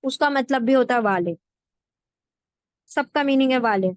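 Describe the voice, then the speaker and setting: Slow, patient woman teacher, dry close sound. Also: sits high, smooth, dry recording. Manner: slow, repeats words and meanings for drilling. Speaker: Quran word-by-word translation teacher. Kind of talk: patient classroom explanation with repetition.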